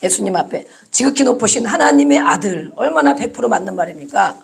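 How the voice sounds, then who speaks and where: A woman's voice: fairly high pitch, expressive, fairly quick, creaky. A woman pastor preaching a Sunday sermon, emphatic and repetitive, often prompting her listeners with "amen" and rhetorical questions.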